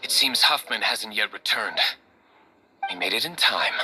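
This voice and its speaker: A man's voice: lowish voice, animated, moderate pace, lightly acted. A man playing an aloof, disdainful young nobleman hero in a video game, with a cool, dry, haughty delivery. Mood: brisk. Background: music.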